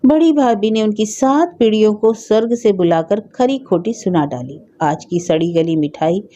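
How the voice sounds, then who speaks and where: A woman narrates a story in the first person with a dark, mellow timbre at a middle pitch. Her reading is calm and measured. The recording is slightly dull and lo-fi.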